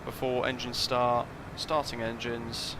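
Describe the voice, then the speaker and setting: A man's voice: medium pitch, monotone, a little slow, background noise. A man casually talking through a flight sim live stream, thinking aloud and chatting with his viewers.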